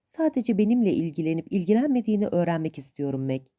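A woman voicing a shy, timid young man who speaks hesitantly and softly in a storybook reading. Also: lowish voice, very animated, fast talker, lo-fi sound. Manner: hesitant, soft-spoken.

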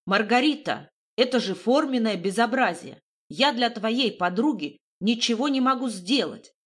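A fussy older man, read by a woman, creaky and indignant, lecturing in an audiobook. The delivery swings lively and fairly high. He sounds resentful and put upon. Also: normal speed. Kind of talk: audiobook reading.

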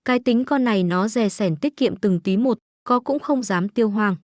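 A woman's voice: mid-range voice, normal speed, darkish tone, dry recording, clean studio sound, close to an everyday voice. A woman reading the part of a tired, loving country mother who speaks soothingly and sorrowfully. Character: weary, loving middle-aged rural mother.

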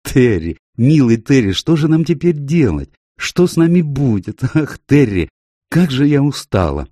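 A man's voice: lowish voice, very animated, normal speed, warm tone, dry recording, clean studio sound, pitched above the performer's own voice. A man voicing a weary, tender young woman who speaks in an affectionate, pleading way.

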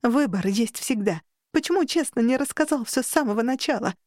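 A woman voicing a furious young heroine who yells insults in a high, shrieking voice. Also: animated, brisk, no room sound, clean studio sound, natural voice. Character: furious young heroine, guardian, sharp-tongued.

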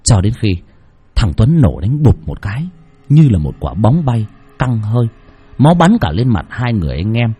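A man's voice: warm tone, slightly rough. A man narrating a horror story dramatically. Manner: dramatic, shifting pitch for effect.

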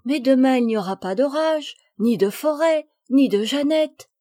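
A woman's voice: sits high, lively intonation, moderate pace, mellow, no room sound, studio quality, voice pushed up. A woman voicing a pampered little girl who pleads and exclaims in a storybook reading. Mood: plaintive.

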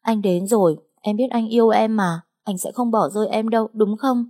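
A woman voicing a distraught, clingy young woman who pleads and threatens in shrill outbursts in an audiobook. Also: moderate pace, warm tone, natural voice. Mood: clinging. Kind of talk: audiobook character voice.

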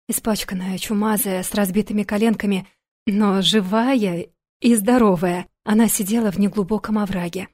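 A woman narrating a first-person audiobook in a gentle, soft-spoken way. Her voice is mellow and warm, pitched in an ordinary middle range. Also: slightly rough.

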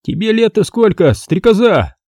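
A man's voice: on the high side, sing-song, brisk, warm tone, no room sound, studio quality, pitched above the performer's own voice. A man voicing a cocky, teasing young male lieutenant in an audiobook.

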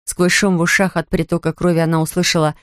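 A woman's voice: lowish voice, level tone, fast talker, no echo, studio quality. A woman narrating an audiobook steadily, voicing the characters herself.

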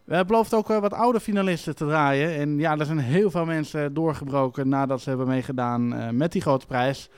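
A man's voice: fairly high pitch, a little fast, few pauses, clear, resonant tone, dry recording. A man presenting on the radio between songs in a casual way, hesitating often with fillers. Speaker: radio host.

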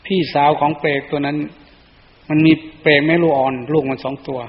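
A male monk giving a Buddhist sermon, telling stories in a plain, unhurried way. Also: on the high side, little pitch movement. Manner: plain storytelling delivery. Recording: echoey dull lo-fi recording.

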